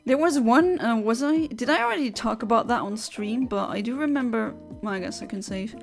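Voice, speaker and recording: A woman's voice: a little high, fairly quick, vocal fry, faint music behind. Chatty woman on a livestream headset. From Luxembourg. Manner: chatty, giggly, rambling with restarts. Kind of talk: casual chat reading out viewer comments.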